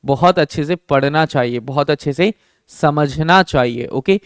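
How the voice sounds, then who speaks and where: A male teacher giving an exam-prep lesson that mixes Hindi and English. He asks himself questions and answers them, repeating key terms slowly. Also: a little high, smooth, no echo, studio quality.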